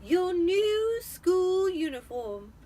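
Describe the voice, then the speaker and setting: A woman's voice: very high voice, big pitch swings, warm tone, voice pushed up, exaggerated voice. A tipsy woman voicing a stern, snappish, disdainful aunt in a storybook, drawing her words out. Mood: snappish irritation. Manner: snappish, drawn-out delivery.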